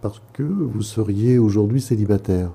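Guy analyst, really dark soft-edged voice, kinda low, measured probing questions. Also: creaky, breathy edge. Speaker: psychoanalyst interviewing a caller. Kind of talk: probing therapeutic conversation.

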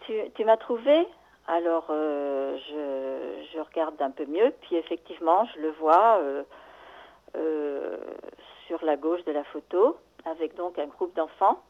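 An older woman calling a radio show, recounting a dream in a halting, shaken way, searching for her words. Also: sits low. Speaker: radio caller. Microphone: telephone. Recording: tinny phone line.

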